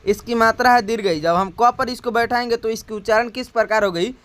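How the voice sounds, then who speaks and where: A male Hindi teacher with a Hindi accent, high-pitched and crisply clear. He explains patiently in classroom style, stretching out each syllable and tossing in frequent rhetorical questions. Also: fairly bright tone. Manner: drawn-out spoken syllables, repeated rhetorical questions.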